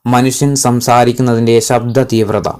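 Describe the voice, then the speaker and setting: Man slowly repeating quiz answers. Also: medium pitch, little pitch movement, darkish tone, clean tone. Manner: repeats each question, then answers slowly with emphasis. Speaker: exam-prep tutor. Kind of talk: reading quiz questions and answers.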